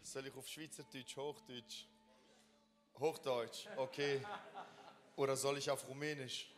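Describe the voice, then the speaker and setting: A man's voice: medium pitch, little pitch movement, measured pace, music in the background. A man preaching a passionate sermon, calling out halleluja with enthusiasm.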